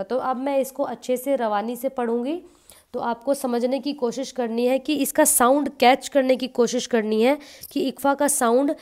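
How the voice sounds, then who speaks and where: A woman teaching Quran recitation, explaining patiently and drawing out example words slowly. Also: sits high, darkish tone.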